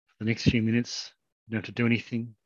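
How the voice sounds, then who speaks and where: A man leading a guided meditation in a slow, soft, calm way with long pauses. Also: lowish voice, no room sound, lo-fi sound.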